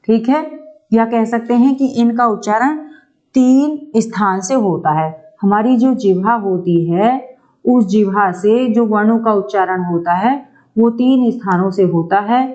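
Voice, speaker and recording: A woman's voice: on the high side, dark tone, dull audio. A woman teacher giving an exam-prep grammar lesson, asking questions and answering them herself, with frequent check-ins to the class. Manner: slow, drawn-out explaining, asks and answers own questions.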